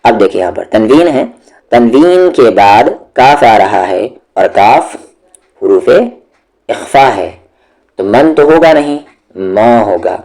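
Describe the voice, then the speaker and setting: A man's voice: fairly low pitch, lively intonation, darkish tone. A man teaching Quran recitation, patiently sounding out syllables one at a time and drawing them out. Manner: patient, drawn-out syllable drills. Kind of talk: slow step-by-step tajweed lesson.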